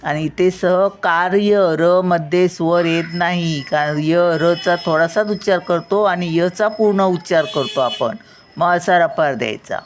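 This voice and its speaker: A woman's voice: lowish voice, a little slow, a little hiss or hum. An older woman teaching a spelling lesson, patiently sounding words out syllable by syllable.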